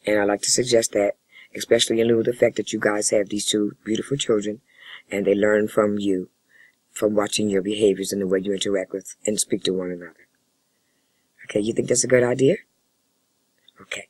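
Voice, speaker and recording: Husky, low-voiced man counseling formally. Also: steady tone, no echo, low-quality recording. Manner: measured, formal, wordy phrasing. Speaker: family therapist in a role-play session. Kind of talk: spoken counseling role-play demonstration.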